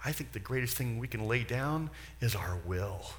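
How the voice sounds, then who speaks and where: A male pastor preaching a sermon with passion, swinging from loud urging to hushed, near-whispered pleading. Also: medium pitch, expressive, normal speed.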